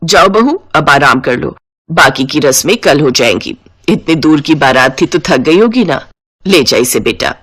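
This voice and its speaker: Cartoon mother-in-law, fussy and commanding, lower and heavier voice, a woman putting it on. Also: animated, a little slow, fairly bright tone, exaggerated voice. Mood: welcoming. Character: bossy middle-aged mother-in-law, lazy, fond of AC.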